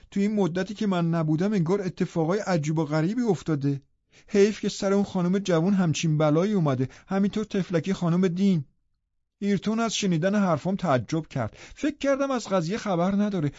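A man's voice: sits high, darkish tone, no room sound, highs cut off, voice pushed up, lightly acted. A man reading an audiobook voices a gossipy, nosy middle-aged woman servant who keeps firing questions. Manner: prying, breathless questioning. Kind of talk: audiobook character voice.

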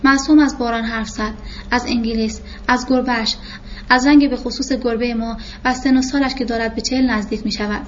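A woman narrating a first-person novel in a reflective, measured way, in a muffled recording with faint hiss. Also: on the high side, steady tone. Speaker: audiobook narrator.

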